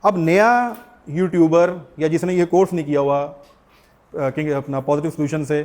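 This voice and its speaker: A man's voice: on the high side, fairly even intonation, normal speed, a little mellow. A middle-aged man with a Pakistani accent teaching a class, explaining step by step and putting questions to his students. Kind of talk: classroom lecture.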